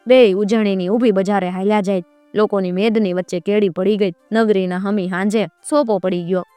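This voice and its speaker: A woman's voice: mid-range voice, steady tone, moderate pace, dark tone, clean tone, no echo, faint music behind. A woman telling a folk tale with drama, acting out the characters' cries and lines.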